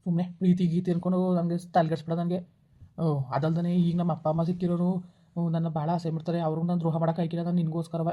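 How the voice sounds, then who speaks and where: A woman's voice: lowish voice, dull audio, close to an everyday voice. A woman playing a harsh, dismissive young man breaking up with his girlfriend in a village skit, talking in curt, scolding bursts. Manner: curt, scolding, rapid-fire.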